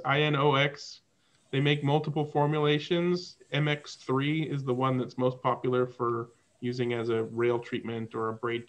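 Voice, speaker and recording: Man explaining on a video call. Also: medium pitch. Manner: explaining at length, relaxed. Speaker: host. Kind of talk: casual video call chat. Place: home room.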